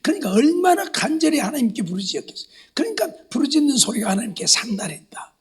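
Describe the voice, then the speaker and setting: A man preaching a sermon at a Friday prayer meeting, acting out the voices he quotes and swinging from hushed asides to loud exhortation. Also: very high voice, sing-song, fast, husky. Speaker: pastor. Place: church sanctuary.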